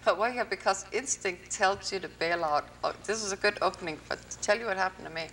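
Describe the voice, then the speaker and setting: A woman's voice: mid-range voice, fast talker, a bit bright, far from the mic, a little hiss or hum. An older woman from North Africa hosting a public access interview in a TV studio, telling long rambling stories. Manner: chatty, rambling storyteller. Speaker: host. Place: TV studio with green-screen backdrop.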